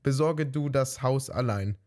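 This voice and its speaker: A man's voice: mid-range voice, measured pace, a little mellow, natural voice. A man voicing a sly, greedy female cat who coaxes and sweet-talks in a fairy-tale reading. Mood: coaxing. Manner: coaxing, sweet-talking.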